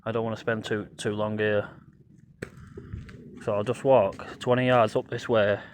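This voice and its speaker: A man's voice: lowish voice, little pitch movement, unhurried, a little hiss or hum. A man narrating a casual ghost-hunt vlog as a paranormal investigator, musing aloud to himself and to spirits. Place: outdoors on a path at night.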